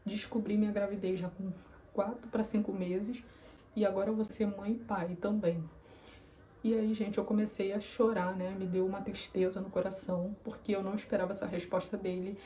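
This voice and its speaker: Young woman vlogger, soft dark tone, earnest confiding storyteller. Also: medium pitch, little pitch movement, normal speed, a little hiss or hum. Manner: earnest, confiding, acts out remembered dialogue. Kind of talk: personal storytelling to camera.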